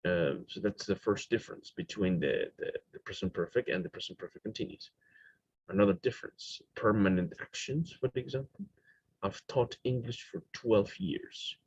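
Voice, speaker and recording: A man's voice: on the low side, normal speed, breathy edge, dry recording, dull audio. A man teaching English grammar, explaining with many fillers and restarts and checking in with "right?".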